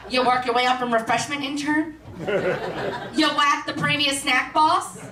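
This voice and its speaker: A woman's voice: high voice, fairly even intonation, a crowd in the background. A woman from Miami doing a brash, sarcastic stand-up comedy set on a theater stage. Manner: brash, sarcastic, quick punchlines. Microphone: stage microphone. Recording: distant roomy theater mic, audience noise.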